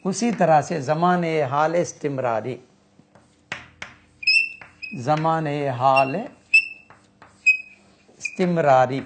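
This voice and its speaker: Slow man teaching grammar. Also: a little high, background noise. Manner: slow, repeats and spells out terms while writing. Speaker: English teacher. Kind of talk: whiteboard grammar lesson.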